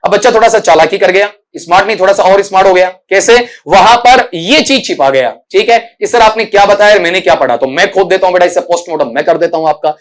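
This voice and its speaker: A male English teacher giving an exam prep lesson, calling students "beta" and checking "theek hai?" after each point. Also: sits high. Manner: explains pronunciation slowly, syllable by syllable.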